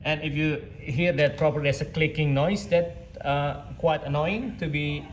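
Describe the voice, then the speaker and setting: His voice sits a little high and his tone stays steady as he moves at a moderate pace through an informal software tutorial. The man is demonstrating audio digitisation tools in a noisy, echoey room.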